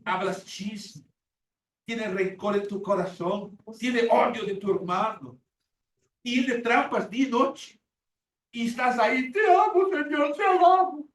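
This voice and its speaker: A man's voice: sits high, slow, fairly bright tone. A man in his sixties teaching a Bible class in sermon style, emphatic and repetitive, acting out quoted prayers. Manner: emphatic, repeats words, acts out quoted prayers. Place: church classroom. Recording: echoey room from far off with faint hiss.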